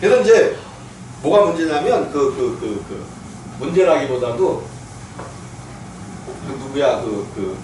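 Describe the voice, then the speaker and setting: A man's voice: mid-range voice, big pitch swings, takes it slowly, pauses often. A male pastor giving a conversational sermon, asking his listeners questions and laughing now and then. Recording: echoey church hall from far off, faint noise.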